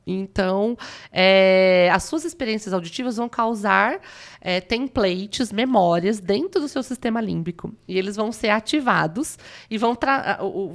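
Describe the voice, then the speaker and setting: A Brazilian woman with a São Paulo state accent, a guest audiologist explaining how hearing works as if giving a lesson, lively and full of restarts. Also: medium pitch.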